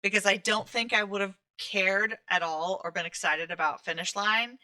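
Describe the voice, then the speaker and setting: A woman's voice: mid-range voice, steady tone, moderate pace, sharp tone. A woman co-hosting a book podcast, chatting casually with many ums and restarts. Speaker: podcast co-host. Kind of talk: casual book review chat.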